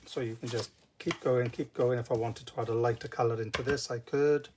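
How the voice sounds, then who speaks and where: A man with a Welsh accent talks through a hands-on craft tutorial in an informal, step-by-step way. His voice sits at an average pitch. The recording carries noticeable noise and small clicks behind him. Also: steady tone, fairly quick. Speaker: craft demonstrator. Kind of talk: casual live craft tutorial. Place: indoor craft table.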